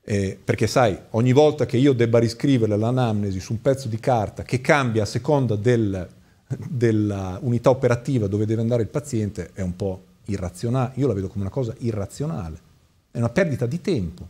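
Mellow husky male debate guest. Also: mid-range voice, a little fast. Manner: critical, hesitant, many fillers. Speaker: doctor and studio guest. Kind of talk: talk show debate.

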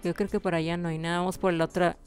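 A woman's voice: fairly low pitch, little pitch movement, fast talker, a little mellow, soft background music. Playful woman gaming. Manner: playful, hums little sound effects and talks to game creatures. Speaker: gameplay host. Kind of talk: casual let's-play commentary.

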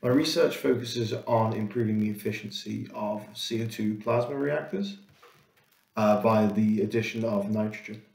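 A young man from the UK sums up his research in a subdued way. His low voice has a gravelly edge. He sounds distant, in an echoey room. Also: moderate pace, darkish tone. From United Kingdom. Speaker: PhD student. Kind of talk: scripted self-introduction.

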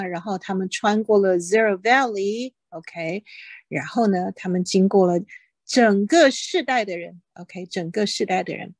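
A woman teaching a Bible lesson in Mandarin, slowly repeating and spelling out English words and often adding "OK". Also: medium pitch, a little mellow, no room sound.

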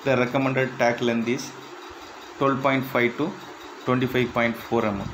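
A man reading interview questions and answers aloud in a plain, measured way, with slightly halting phrasing. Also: mid-range voice, flat delivery, background noise. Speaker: instructor.

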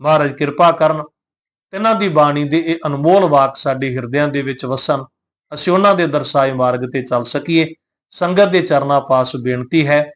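A man with a fairly high voice gives a recitation lesson. He chants verses slowly and measuredly. Between the verses he explains pronunciation patiently and repeats each point. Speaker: scripture teacher.

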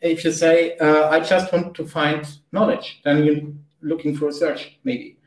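A man with a German accent speaking as a panelist in a conference discussion over a video call, halting and searching for words. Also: on the high side, little pitch movement. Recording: roomy, distant video call audio.

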